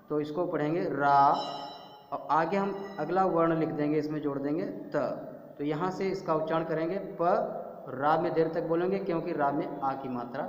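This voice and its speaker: A man teaching a young class, slowly spelling out syllables and repeating each word. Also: a little high, dull audio. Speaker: primary school teacher. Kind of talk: slow classroom lesson. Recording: echoey room with long reverb.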